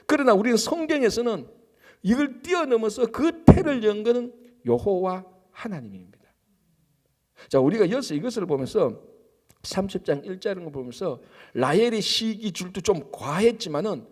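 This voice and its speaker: A man's voice: high voice, a little mellow, big-room sound. A male pastor preaching at an early-morning service, asking rhetorical questions and answering them himself. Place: church sanctuary.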